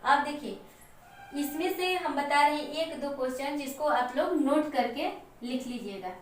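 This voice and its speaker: A woman teacher explaining a Hindi lesson to children slowly and step by step, with example words. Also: high-pitched. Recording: echoey room, mic far off, faint noise.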